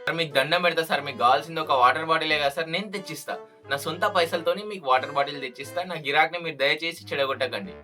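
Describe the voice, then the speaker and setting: A man's voice: fairly high pitch, very fast, music in the background, lightly acted. A man playing an exasperated young male shop salesman in a comedy skit, speaking, pleading and muttering annoyed asides.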